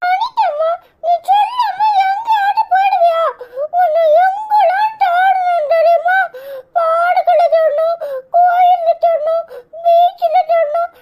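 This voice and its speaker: A woman's voice: very high-pitched, steady tone, slow, hardly any pauses, dull audio, very noisy. A woman voicing a small boy in a cartoon who whines tearfully at his mother in a Tirunelveli Tamil accent. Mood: tearful, reproachful. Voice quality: whiny, tearful. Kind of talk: cartoon voice acting.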